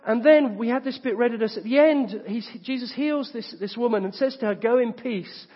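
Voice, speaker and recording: A man's voice: extremely high pitch, moderate pace, breathy edge, long reverb tail, highs cut off. A man preaching a sermon, retelling a story with rhetorical questions. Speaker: pastor.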